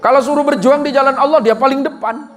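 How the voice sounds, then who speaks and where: A male preacher telling a humorous story to a congregation in an animated way. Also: very high-pitched, fast. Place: gathering with a live audience. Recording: faint audience laughter.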